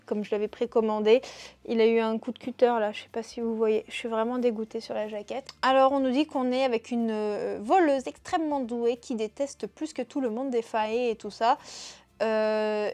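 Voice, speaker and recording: Woman, casual book chat, higher pitch, hesitant, dry close sound. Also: darkish tone, no room sound. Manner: chatty, with frequent hesitations. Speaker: book YouTuber. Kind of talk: casual chat about books.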